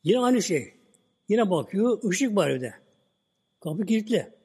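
Male preacher, slightly high and dark-toned, relaxed storytelling sermon, long hall reverb. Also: unhurried, breathy edge. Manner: relaxed retelling, "böyle" at line ends. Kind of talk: religious talk with storytelling.

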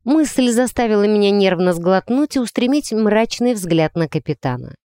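A woman narrating a first-person novel as an audiobook, lively and ironic in her storytelling. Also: medium pitch, no room sound, studio quality.

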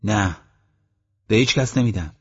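A man reading an audiobook, voicing a stubborn villager with a husky, slightly raised voice. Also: lowish voice, animated. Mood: defiant. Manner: stubborn, defiant. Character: stubborn young villager man, devoted to a stray dog. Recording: dull lo-fi audiobook recording.

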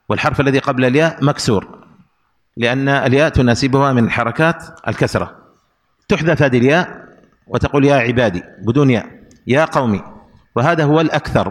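A man teaching Arabic grammar in a recorded lesson, spelling out the rules slowly and repeating each example with care. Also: medium pitch, in a large hall.

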